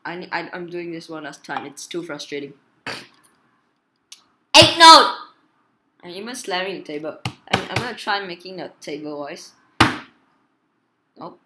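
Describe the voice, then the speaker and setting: A woman playing a voice-controlled game, yelling and shrieking at it, then talking in a frustrated way, recorded indoors at a table. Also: on the low side, normal speed, background noise. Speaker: gaming YouTuber. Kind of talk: gaming commentary.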